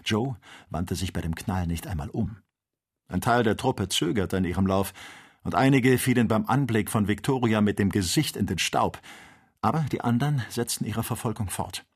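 Guy narrating an old adventure novel, low husky voice, steady measured reading. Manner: measured, even storytelling. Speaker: audiobook reader. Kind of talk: scripted narration of a classic novel.

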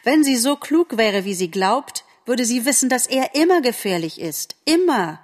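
A woman reading an audiobook aloud, voicing a scornful, stubborn female forest animal with dismissive, sharp retorts. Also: fairly high pitch, big pitch swings, normal speed, big-room sound, voice pushed up. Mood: mocking.

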